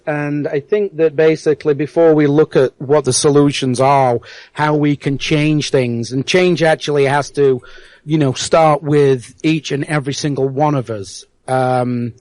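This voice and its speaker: A man with an English accent that is hard to place, with some American mixed in, gives an earnest interview on internet radio. His voice sits fairly high, and the sound is close and dry. He stumbles over words and repeats them as he builds his point. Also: darkish tone, dry recording. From England (South Yorkshire). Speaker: guest.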